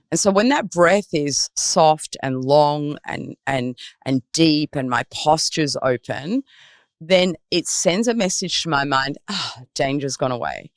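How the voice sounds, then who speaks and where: An animated woman coaching on performance and mindset in a podcast interview. She asks her listener guiding questions and acts out the worried voices in people's heads. Her voice is recorded close and dry, with no room sound. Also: sits low, no room sound. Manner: animated, acts out anxious inner voices and self-talk.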